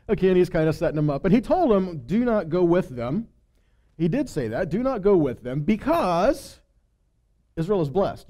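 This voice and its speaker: A Bible teacher leading a weekly Torah study speaks in a slightly high, mellow voice, teaching scripture in an informal sermon style. He retells the stories like a storyteller, putting the dialogue into everyday language, and frequently pauses for short rhetorical check-ins.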